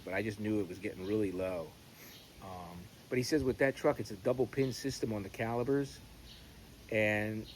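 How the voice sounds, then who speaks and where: A man chatting casually in a rambling, halting way with mild swearing, as a vlogger recording on his phone. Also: on the low side. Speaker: pipe-smoking vlogger. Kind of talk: rambling casual chat vlog. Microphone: phone camera. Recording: noisy phone recording with clear background noise.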